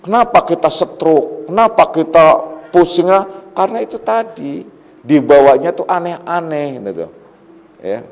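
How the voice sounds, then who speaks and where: A middle-aged male spiritual teacher giving a casual, joking religious lecture with a fairly high voice. His words ring out with a long echo, as if he is speaking in a large hall. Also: unhurried, creaky. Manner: relaxed and joking, telling personal anecdotes.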